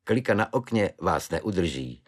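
A man's voice: sits low, sing-song. A man voicing a good-natured soldier who talks about grim things in a cheerful, matter-of-fact, chatty way.

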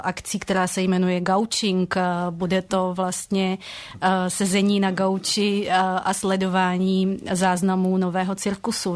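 A woman speaking as a theatre guest on a radio talk show, hesitant, with many filler sounds. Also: medium pitch. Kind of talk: radio studio chat.

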